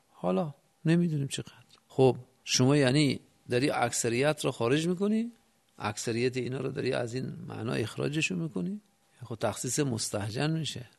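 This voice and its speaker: Gravelly-voiced man giving a religious lecture. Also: medium pitch. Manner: explains step by step, asks rhetorical questions; recites phrases in classical Arabic. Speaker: cleric teaching religious text.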